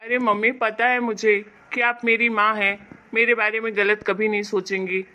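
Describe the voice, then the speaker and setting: A woman voicing a respectful young son who speaks gently and reassuringly. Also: mid-range voice, little pitch movement, normal speed, natural voice. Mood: gentle.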